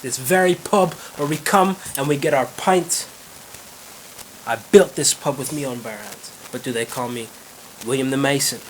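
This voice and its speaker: A man's voice: medium pitch, moderate pace, natural voice, low-quality recording. A man putting on a shaky Irish drunk. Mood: boastful. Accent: Irish, imitated and slipping. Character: boastful drunk old Irish pub man. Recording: rain noise in background.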